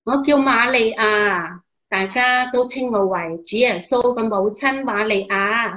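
An actress with a Hong Kong Cantonese accent playing a calm, devout mother in a Bible radio drama, telling her story in a measured, expressive way. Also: on the high side, lo-fi sound. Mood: serene, assured.

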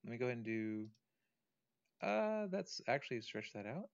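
A man's voice: medium pitch, sing-song, moderate pace, creaky, no room sound, highs cut off. A man streaming a game, talking casually to viewers, thinking aloud and often correcting himself mid-sentence. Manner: swears casually, talks to viewers. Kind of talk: casual let's play commentary.

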